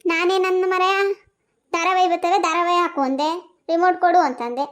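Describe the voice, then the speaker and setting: A bossy village mother in a cartoon scolds her family in rapid, shrill bursts, voiced by a woman. Her voice sits extremely high and races along. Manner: shrill, nagging, quick scolding.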